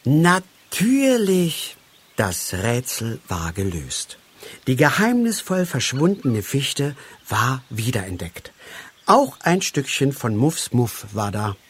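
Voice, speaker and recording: A man narrating a storybook, reading aloud slowly and expressively. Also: mid-range voice, big pitch swings, husky.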